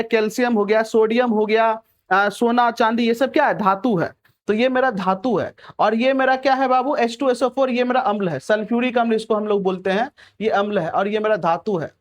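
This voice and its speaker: A young male teacher teaching chemistry. He asks a question, answers it himself, repeats the key words and keeps checking that the students understand. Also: very high-pitched. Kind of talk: chemistry lesson.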